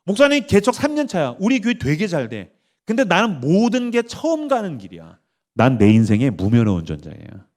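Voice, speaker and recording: A man's voice: fairly high pitch, a little fast. A pastor in his forties giving a sermon at a youth summer camp, leading the crowd to repeat after him and acting out quoted voices. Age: 40s. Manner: animated, acts out quoted voices, leads call-and-response. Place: church stage at a summer camp.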